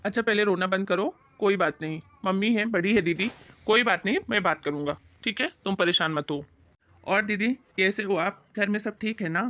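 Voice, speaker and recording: A woman putting on a man's voice as a calm, caring young husband in a family drama. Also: medium pitch, moderate pace, no echo, voice pushed down, close to an everyday voice. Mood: soothing. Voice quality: soothing, gentle. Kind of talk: Hindi family drama acting. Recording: dry, dull lo-fi audio.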